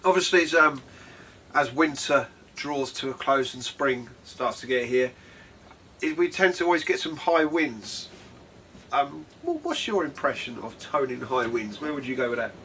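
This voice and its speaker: A man's voice: mid-range voice, expressive, moderate pace, a bit bright. A man with a southern English accent hosting a casual chat outdoors, with wind on the microphone. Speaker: host. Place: outdoors on a windy day. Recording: windy outdoor mic, noisy, distant.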